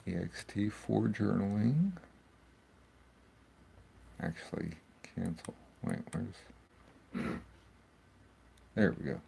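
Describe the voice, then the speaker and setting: A man's voice: sits low, gravelly, mellow, slightly rough. A man hosting a casual tech walkthrough, rambling and thinking aloud as he works at his computer. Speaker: tech video host. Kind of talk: casual screen-recording walkthrough.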